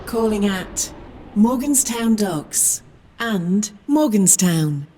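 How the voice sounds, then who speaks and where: Slow female station announcement over a speaker. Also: medium pitch, slight background noise. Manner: flat, evenly paced, clipped station names. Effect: platform loudspeaker announcement.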